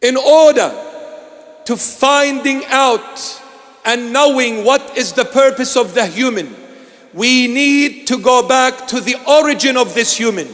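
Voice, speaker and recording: A man from Iraq, a bishop, preaching a sermon in a large church hall. He speaks emphatically, repeating his phrases and sometimes breaking into shouts. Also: extremely high pitch, measured pace. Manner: emphatic and repetitive, bursts into shouts. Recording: long hall reverb.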